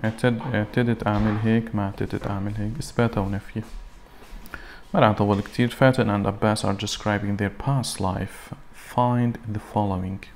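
A man teaching an English lesson. He reads English words slowly and then translates them. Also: on the low side, fairly even intonation, slight background noise. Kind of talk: recorded classroom lesson.

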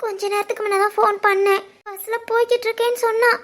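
A woman voicing a timid young wife in an animated family drama, anxious and pleading. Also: very high voice, fast.

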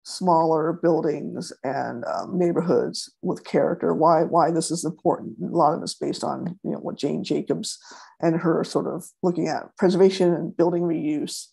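A woman's voice: sits low, fairly even intonation, normal speed, gravelly, mellow, husky. A woman giving a webinar presentation over a video call, hesitant, with many fillers and restarts.

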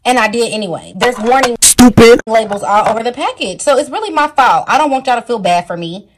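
A woman's voice: fairly high pitch, lively intonation, fast. A woman vlogging at home at night, sore and near tears, talking straight to her viewers in distress. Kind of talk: casual vlog talk to camera.

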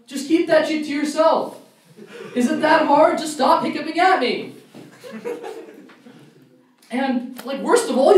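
A young man doing a stand-up comedy set at a college club show, ranting in mock outrage. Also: very high-pitched. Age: young adult. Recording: echoey room, mic far off, faint noise.

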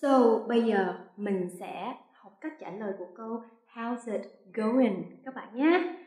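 A woman from Vietnam teaching an online English lesson, sounding out drills slowly and clearly and praising her learners. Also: fairly high pitch, expressive, a little mellow. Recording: echoey room.

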